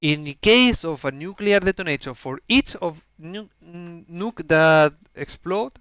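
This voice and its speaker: A man with a non-native English accent giving an explanatory game briefing in a halting, methodical way, searching for words. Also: on the high side, animated, fairly bright tone, clear, resonant tone, no echo. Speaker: organizer briefing players on campaign rules.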